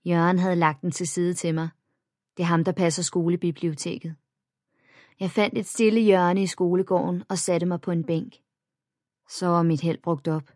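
A woman narrating a first-person children's story in a plain, even storytelling manner. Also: fairly low pitch, no echo, studio quality. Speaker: audiobook narrator.

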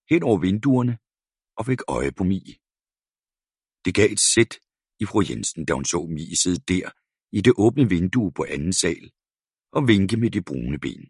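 A man reading a children's novel aloud as an audiobook narrator, in a calm, measured storytelling way. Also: extremely low pitch, creaky, slightly rough, no room sound. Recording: dry close studio sound.

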